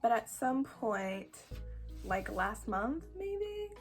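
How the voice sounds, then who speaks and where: A 21-year-old woman with a croaky voice, chatting casually to camera in a rambling, self-deprecating way with dramatic emphasis. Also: a little high, sing-song, drawn-out words, soft background music. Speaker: video creator answering follower questions.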